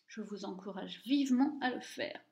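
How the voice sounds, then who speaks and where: A woman teaching Tibetan reading, speaking slowly and carefully and repeating each word twice for the listener. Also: medium pitch, a little mellow. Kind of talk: slow, deliberate language lesson. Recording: echoey room, dull lo-fi sound.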